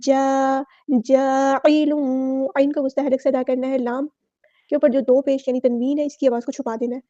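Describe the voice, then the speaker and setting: A woman with a Pakistani Urdu accent teaching Quran recitation rules word by word, chanting each word slowly, then explaining it briskly. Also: high voice, little pitch movement, mellow, dry recording, dull audio. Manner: slow drawn-out recitation alternating with brisk explanation.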